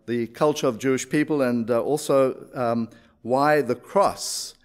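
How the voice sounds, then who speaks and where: Give me a man of middling pitch telling his life story in a measured, reflective way with hesitations. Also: fairly even intonation. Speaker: speaker sharing his faith story. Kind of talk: personal testimony.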